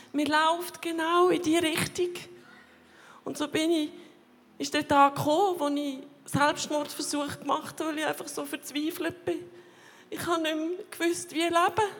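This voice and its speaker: A woman with a Swiss German accent giving an emotional personal testimony in a church hall, in halting, fragmented phrases that repeat words. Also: sits high, a bit bright. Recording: long reverb of a large hall.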